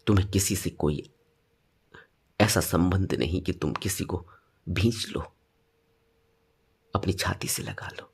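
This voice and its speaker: A man teaching meditation in a spoken dharma talk, stressing points with sudden rises and then dropping low. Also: creaky, darkish tone, breathy edge.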